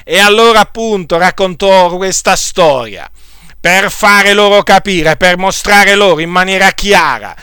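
A man's voice: sits high, unhurried, pushed and bright, clear, resonant tone, no echo, clean studio sound. A man preaching a sermon, emphatic and repeating phrases for stress.

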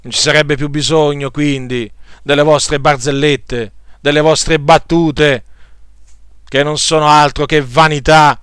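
A male preacher delivers an emphatic, rebuking sermon, hammering points home by repeating them. His voice is bright and clean, set a little above the usual male pitch. The sound is dry, with no room echo. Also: clear, resonant tone.

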